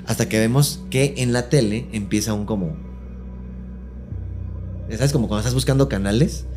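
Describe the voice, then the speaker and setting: A man's voice: on the low side, moderate pace, soft background music. A man with a Mexican accent telling a real ghost story on a casual podcast, full of slang and acting out each quote in a different voice. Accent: Mexican Spanish. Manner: slangy, acts out every quote in lively voices. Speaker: podcast host.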